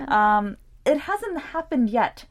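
A woman's voice: a little high, sing-song, slow pace. A woman guest on a radio show, talking casually about songs, often laughing and rambling with fillers. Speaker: music commentator, regular guest.

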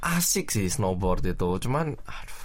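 A co-host chatting casually on a radio show, reacting in a lively way. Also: medium pitch, normal speed, slight background noise.

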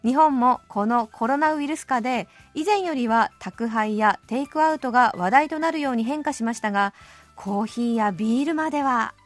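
A woman's voice: a little high, normal speed, faint music behind. Cheerful woman radio host in her late 30s. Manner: cheerful, animated, laughing often. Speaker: radio host reading listener letters. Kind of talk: radio letter-reading chat. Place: radio studio.

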